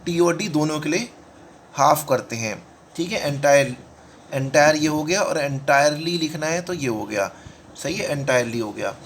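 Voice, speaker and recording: Indian male tutor, casual and repetitive, slightly raised pitch, faint room hiss. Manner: talks through examples slowly, repeating words and saying "ठीक है" often. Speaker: shorthand teacher.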